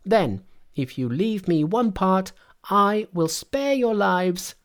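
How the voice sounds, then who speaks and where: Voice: mid-range voice, animated, takes it slowly, voice pushed up. A storyteller voicing a brash, boastful monkey king turned priest, cocky and taunting in a storybook tale. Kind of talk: storybook character voice.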